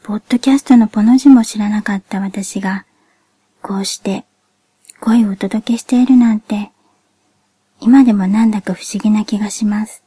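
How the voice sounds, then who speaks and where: Breathy, whispering woman with a cute anime voice. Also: medium pitch, fairly even intonation, no echo. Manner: gentle, polite, measured delivery. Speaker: podcast host. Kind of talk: soft whispered podcast monologue.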